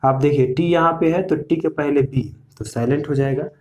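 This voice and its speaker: A man's voice: on the high side, fairly even intonation, darkish tone, lo-fi sound. A man teaching a lesson, explaining step by step and asking the class quiz questions. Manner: slow, repetitive explaining with quiz questions to students.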